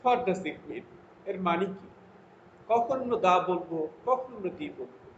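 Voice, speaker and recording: A male teacher with a high voice gives a recorded grammar lesson, pausing to read English examples slowly and carefully. The sound is dull and lo-fi, with a roomy echo around him and a faint hiss underneath. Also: expressive. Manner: slow, deliberate English example sentences between explanations. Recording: lo-fi echoey room with faint noise.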